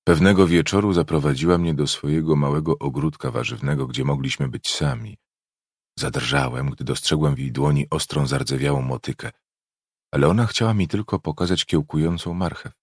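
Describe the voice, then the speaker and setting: A man reading a novel aloud in a somber first-person narration, measured and grave. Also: a bass voice, lively intonation, creaky, husky, no echo, studio quality. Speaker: audiobook narrator.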